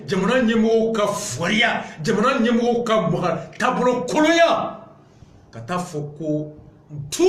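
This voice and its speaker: A high-pitched male voice with a Malian accent rings out in a reverberant space over slight background noise. As a political commentator, he mixes an impassioned monologue with reading aloud, emphatic and indignant, driving his points home through repetitive rhetorical build-ups.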